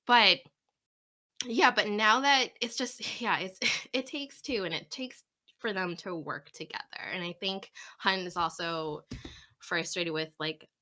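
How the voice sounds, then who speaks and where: Woman cohost, bright mid voice, rambly and hesitant, laughs a lot. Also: medium pitch, a little slow. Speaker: podcast co-host. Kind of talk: casual book discussion chat.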